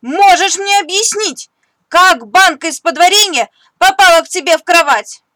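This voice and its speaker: Mother mouse as a woman reads her, firm and motherly, bright voice, dry mic. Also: extremely high pitch, moderate pace, dry recording, voice pushed up. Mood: scolding. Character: mother mouse, caring but stern. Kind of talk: storybook reading.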